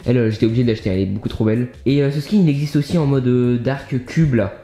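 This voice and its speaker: A man's voice: mid-range voice, rapid-fire, dark tone. Chatty young French man, roomy echo. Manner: chatty, upbeat, many fillers and asides. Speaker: YouTuber showing collectibles. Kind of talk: casual unboxing vlog.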